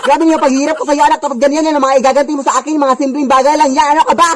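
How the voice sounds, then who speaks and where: A woman's voice: high-pitched, flat delivery, racing, slight background noise, lightly acted. A woman playing a scheming, nagging mother in a comedy skit, scolding and repeating "anak" over and over. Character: nagging, scheming Filipino mother, middle-aged.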